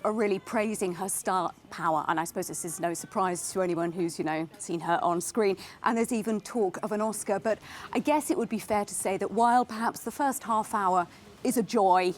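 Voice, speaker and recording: A woman culture correspondent reviews films on a news show. Her pitch is mid-range, and she talks in a chatty, thoughtful way, with fillers as she thinks aloud. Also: normal speed. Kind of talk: news discussion.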